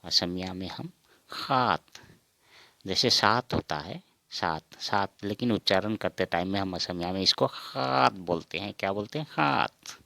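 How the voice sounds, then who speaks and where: Slow, gravelly low-voiced man teaching. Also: pushed and bright, no echo. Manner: repeats each word, asks and answers himself. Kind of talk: slow spoken counting lesson.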